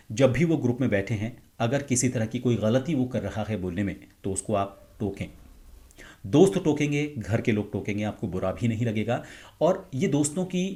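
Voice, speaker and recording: A middle-aged man teaching as a speech coach. He explains calmly and now and then acts out short example lines in a raised tone. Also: medium pitch. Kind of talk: explanatory talk to camera.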